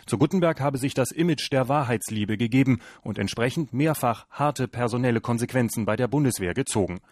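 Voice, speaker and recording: A man narrating a television news report in a measured, scripted way. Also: medium pitch, darkish tone, no room sound, clean studio sound.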